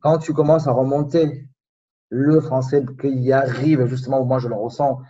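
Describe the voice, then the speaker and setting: A man with a slight Spanish accent, his first language Spanish, chats as a podcast guest and muses aloud with frequent pauses. He sits a little away from the mic, and the sound is dull and muffled. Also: mid-range voice, level tone, warm tone, recorded from a distance. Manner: reflective, searching for words, many pauses. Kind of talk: casual conversation.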